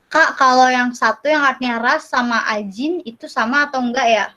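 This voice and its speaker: A young woman with an Indonesian accent teaching a casual online Russian class over a video call, with fillers and apologies, repeating words slowly for learners. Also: sits high, sharp tone, rough recording. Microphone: computer mic on a video call.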